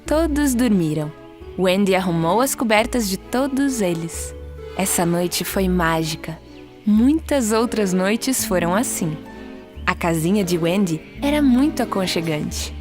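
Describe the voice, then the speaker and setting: Expressive Brazilian woman narrating a children's story. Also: mid-range voice, a little slow. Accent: Brazilian Portuguese. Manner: clear, expressive storytelling, lifts her voice for characters' lines. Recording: soft music behind.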